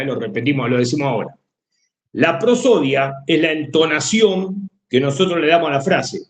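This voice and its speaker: A Rioplatense-accented male teacher giving a classroom lecture. His pitch sits a little high and swings freely as he explains, and he keeps asking the class whether they follow. The sound carries an echoey room. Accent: Rioplatense Spanish. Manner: explanatory, checks understanding often.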